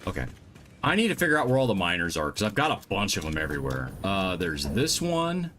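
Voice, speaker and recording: Low-voiced man musing through gameplay. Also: huge pitch swings, fairly quick, sharp tone, a little hiss or hum. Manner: thinks aloud, muttering to himself while planning. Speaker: live-stream gamer. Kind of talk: casual gameplay commentary. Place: home.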